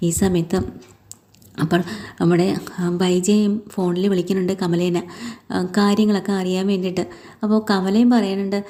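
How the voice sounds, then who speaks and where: A woman's voice: mid-range voice, level tone, normal speed, pauses often, dark tone. A woman casually retelling a family drama story to her listeners, chatty with frequent asides.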